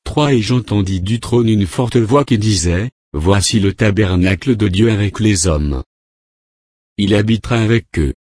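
A man preaching a sermon, reading scripture aloud and asking rhetorical questions in a deliberate way. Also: on the low side, darkish tone, no room sound, clean studio sound.

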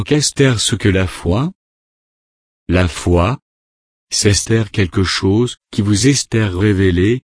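A man reading a sermon aloud, quoting scripture and calling out verse numbers in a measured way. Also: on the low side, darkish tone, dry recording, clean studio sound. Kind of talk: read sermon with scripture quotations.

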